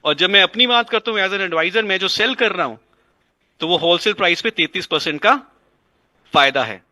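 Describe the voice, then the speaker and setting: Guy explaining a business plan, high voice, dry close sound, says things twice for emphasis. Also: lively intonation, normal speed, sharp tone, no room sound. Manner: mixes Hindi and English, repeats phrases for emphasis. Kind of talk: explanatory interview talk. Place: indoors at a dining table.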